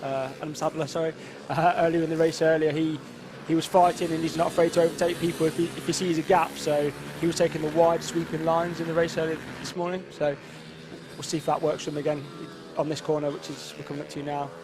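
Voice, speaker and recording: A man's voice: a little high, level tone, quick pace. A man giving conversational motorsport commentary as the analyst, often restarting and repeating his words. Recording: noisy outdoor trackside sound. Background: vehicle and outdoor track noise.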